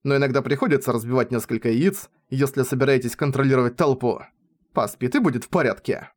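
A man narrating a novel in the first person with an expressive, lively reading. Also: mid-range voice, fast. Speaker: audiobook reader.

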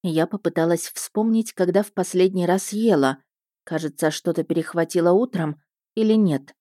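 Low-voiced woman narrating an audiobook. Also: moderate pace, mellow, dry recording, studio quality. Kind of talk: first-person audiobook narration.

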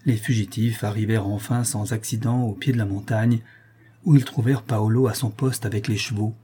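A man reading a novel aloud as an audiobook narrator, with measured storytelling. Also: fairly low pitch, fairly even intonation, mellow, breathy edge. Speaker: audiobook reader. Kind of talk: scripted narration.

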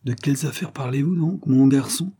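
A man voicing a guarded, patronizing middle-aged farmer who speaks slowly, in an audiobook. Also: medium pitch, warm tone, breathy edge, voice pushed up. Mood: wary. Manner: patronizing, slow.

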